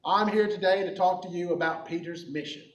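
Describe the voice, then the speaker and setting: A man playing a goofy, bumbling croc-hunting adventurer for a kids' comedy skit, rambling with deadpan jokes. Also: high voice, fairly quick, highs cut off, lightly acted. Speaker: children's ministry skit character. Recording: echoey hall from far off.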